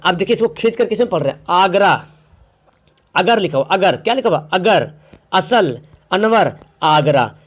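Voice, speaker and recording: A man with a noticeably high voice teaches an exam grammar lesson. He keeps quizzing his listeners and repeats each example word, stretching some out slowly to show how they should sound. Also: animated. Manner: drags out words slowly to show pronunciation.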